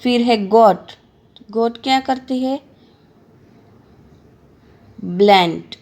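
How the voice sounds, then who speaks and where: A woman's voice: fairly high pitch, drawn-out words, darkish tone. A woman teacher giving a lesson to young children, spelling words out letter by letter and asking questions she answers herself.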